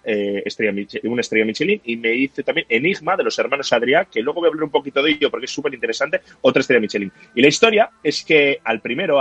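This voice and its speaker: Husky-voiced man telling a long story. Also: mid-range voice, fairly bright tone, muffled recording. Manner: chatty storyteller, explains at length. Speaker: podcast guest, wine enthusiast. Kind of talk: casual podcast chat.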